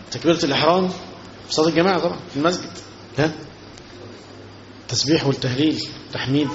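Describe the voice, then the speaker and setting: A man with an Egyptian Arabic accent preaching a sermon in a conversational way, often asking his listeners rhetorical questions. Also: mid-range voice. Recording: dull lo-fi recording with faint noise.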